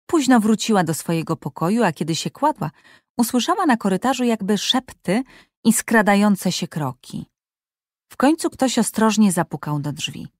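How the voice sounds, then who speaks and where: A woman's voice: mid-range voice, sing-song, normal speed, no room sound, studio quality. Woman narrating an audiobook.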